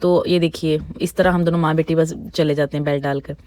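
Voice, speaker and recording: A woman narrates her family's daily routine as a vlog voice-over. She speaks fast in a slightly low register, chatty and homely, with English words slipped in. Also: steady tone, a little mellow, clean tone. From India. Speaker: vlogger, mother of two.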